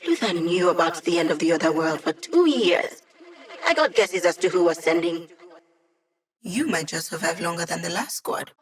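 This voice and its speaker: Here a natural, medium-pitched female voice plays a video game's young hacker, a wry supporter who helps the team with dry, sarcastic remarks.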